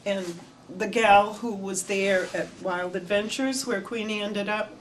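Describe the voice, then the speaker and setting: An older woman recalls her past for an interviewer, her voice at an ordinary middle pitch. She tells the story with lively, animated delivery. A faint hiss sits under her voice. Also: measured pace. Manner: animated storytelling, gestures with hands. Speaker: oral history interviewee. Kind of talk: reminiscing interview. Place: indoor room before flags.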